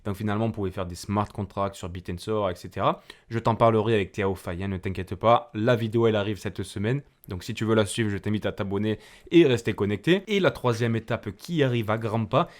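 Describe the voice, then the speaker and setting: A man's voice: on the low side, fairly quick. A man with a French accent hosting a casual market commentary, chatting to the viewer and walking through charts. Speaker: crypto channel host.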